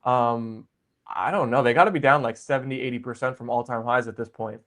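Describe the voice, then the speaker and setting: A man hosting a casual stock livestream over a video call, his voice in an ordinary middle range. He speaks loosely, sprinkling in "like" and "um" as he asks questions. It sounds like relaxed, unscripted talk. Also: medium pitch, fairly quick. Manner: loose, lots of "like" and "um". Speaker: livestream host.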